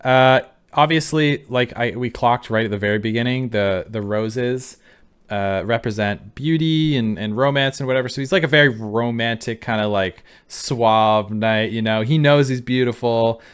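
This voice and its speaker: A man's voice: medium pitch, moderate pace, smooth. A man giving casual reaction commentary, musing and thinking aloud as he goes. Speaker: video reactor. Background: faint music.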